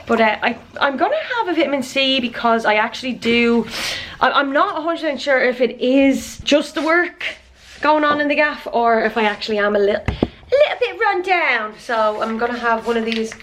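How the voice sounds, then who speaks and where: A woman's voice: fairly high pitch, brisk, fairly bright tone. A young woman with an Irish accent talks casually to her camera at home, sniffly and a bit run down. She rambles in a chatty, self-mocking way, with a faint hiss under her voice. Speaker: vlogger. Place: at home indoors.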